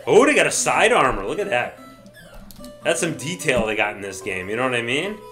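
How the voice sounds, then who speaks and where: Excitable man yelling at a baseball game. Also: medium pitch, fairly quick, soft background music. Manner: excitable, swears mildly, yells at the game. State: says he is drunk. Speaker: let's play gamer. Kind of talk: casual game commentary.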